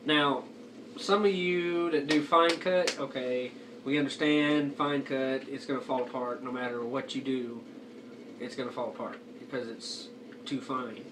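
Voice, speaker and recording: A man's voice: medium pitch, fairly even intonation, unhurried. A young man giving a casual review as he chats, talking with a lip full of dip. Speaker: amateur product reviewer. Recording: noisy, distant home video microphone.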